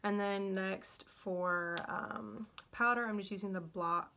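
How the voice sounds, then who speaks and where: This young woman's medium-pitched voice is steady, gravelly, pushed and bright, and she takes things slowly, with a little hiss or hum on the recording. A beauty vlogger fresh from wisdom tooth surgery, she chats drowsily and scatteredly through a makeup tutorial at home, barely opening her sore mouth, with a phone on a stand at arm's length.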